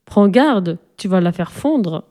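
Woman as a gentle, firm storybook mother, warm, mellow tone. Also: mid-range voice, animated, takes it slowly. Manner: patient, warning.

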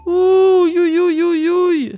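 A woman's voice: very high voice, flat delivery, very slow, dark tone, soft background music, pitched above the performer's own voice, full character voice. A woman voicing a panicked young male prankster dressed as a ghost, yelping and shrieking in a read-aloud story. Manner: shrieking, yelping nonsense cries.

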